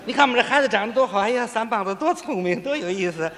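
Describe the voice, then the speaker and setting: Man, crosstalk comedian, very high bright voice, long hall reverb. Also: expressive, crowd noise. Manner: boastful, playfully evasive, quick retorts.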